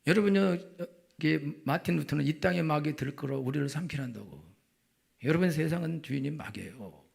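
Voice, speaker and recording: A man preaching a Sunday sermon as senior pastor, firing rhetorical questions and building to loud passages. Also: fairly high pitch, brisk, gravelly, breathy edge. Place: church sanctuary.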